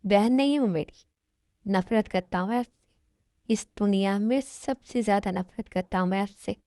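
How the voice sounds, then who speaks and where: A woman's voice: mid-range voice, normal speed, mellow, no room sound, studio quality, lightly acted. A woman dubbing the part of a cold, threatening young mafia man who gives curt commands. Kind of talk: fan Hindi dub of a love story.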